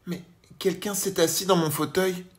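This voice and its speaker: A man lifting his voice for a gentle mama bear. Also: high-pitched, steady tone, normal speed, a little hiss or hum, voice pushed up, lightly acted. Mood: surprised. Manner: soft, slightly raised voice. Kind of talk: children's storybook reading.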